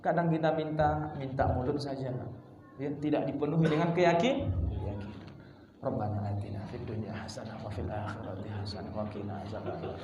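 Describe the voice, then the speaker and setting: A male preacher addresses his congregation in a mosque hall. His voice sits at an ordinary middle pitch. The room rings with echo and a steady background noise. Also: brisk, lo-fi sound. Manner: lively, conversational, acts out little dialogues.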